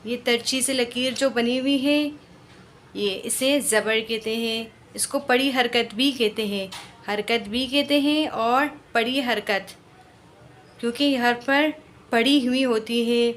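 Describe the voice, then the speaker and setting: Female Quran teacher, high clear voice, very slow patient drills. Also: fairly even intonation, slight background noise. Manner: patient, drawn-out syllable drills. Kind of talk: slow spoken recitation lesson.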